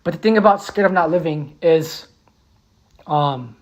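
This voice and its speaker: A beatboxer and musician chatting casually on a livestream, repeating titles slowly and humming melodies. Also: mid-range voice.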